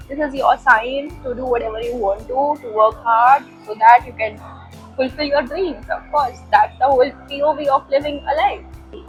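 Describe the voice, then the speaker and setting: A woman's voice: a little high, poor audio. A young woman in her twenties with an Indian accent, chatting casually to her phone camera in a vlog, mixing Hindi and English. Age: 20s. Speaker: vlogger. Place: cafe, indoors.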